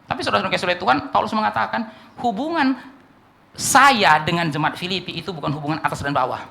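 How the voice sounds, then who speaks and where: A man preaching a sermon with an Indonesian accent, swinging from hushed asides to shouts and often addressing the congregation. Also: high voice, fast, gravelly. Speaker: pastor.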